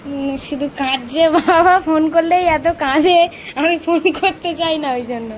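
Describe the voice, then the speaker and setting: A woman's voice: high voice, normal speed. A young woman chatting casually to her viewers while filming her family home and garden. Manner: chatty, talks straight to viewers. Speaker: vlogger.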